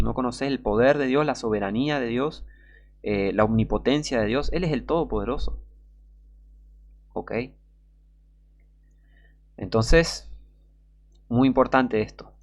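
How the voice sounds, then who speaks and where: Rioplatense man preaching, gravelly edge, presses his points with constant rhetorical questions. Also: medium pitch. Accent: Rioplatense Spanish. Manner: emphatic, rhetorical questions, repeated checks for understanding. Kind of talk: sermon.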